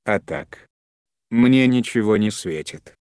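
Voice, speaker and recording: A man voicing a rough, menacing adult male thug with a scornful, threatening manner. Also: fairly low pitch, animated, slow pace, darkish tone, no echo, clean studio sound.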